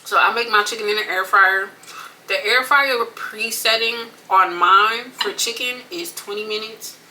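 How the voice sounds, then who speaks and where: A woman's voice: mid-range voice, pushed and bright, distant mic, slight background noise, low-quality recording. An American woman talks casually and colloquially in a mukbang, eating crunchy fried chicken between and during her phrases. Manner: folksy, colloquial, repeats phrases for emphasis. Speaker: mukbang vlogger.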